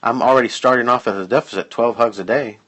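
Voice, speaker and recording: A man's voice: mid-range voice, fast, a bit bright. A man interviewing a guest casually in a phone interview, asking short conversational questions.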